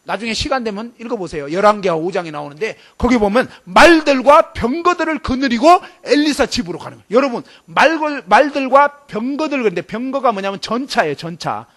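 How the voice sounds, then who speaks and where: High-voiced man preaching emphatically. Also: lively intonation, fairly quick, hardly any pauses, fairly bright tone. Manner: emphatic, fires rhetorical questions at listeners; acts out scenes vividly. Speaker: preacher at a student camp. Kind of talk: sermon.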